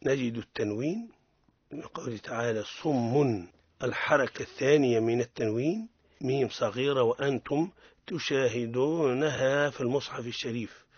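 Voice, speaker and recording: A man with a Tunisian accent hosting a radio lesson on Quran recitation, explaining each rule slowly and repeating every example. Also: mid-range voice, darkish tone, breathy edge, no room sound, muffled recording. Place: radio studio.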